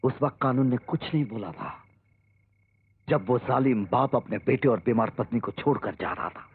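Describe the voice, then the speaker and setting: An actor playing a bitter, vengeful grown son turned killer, intense and defiant, in tinny old film audio. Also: male voice, mid-range voice, moderate pace, husky.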